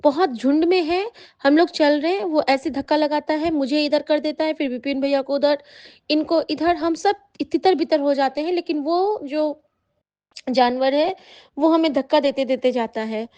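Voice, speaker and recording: A woman, a devotee, recounts a dream to a congregation in halting, rambling speech with many fillers. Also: sits high, mellow, dry recording. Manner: addresses listeners as congregation. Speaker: devotee sharing an experience. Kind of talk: spoken testimony of a dream. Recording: dull lo-fi recording.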